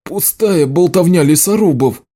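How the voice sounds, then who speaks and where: A man reading aloud and voicing a burly young woodcutter who growls and shouts defensively. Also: on the high side, expressive, moderate pace, slightly rough, pitched above the performer's own voice. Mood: angry.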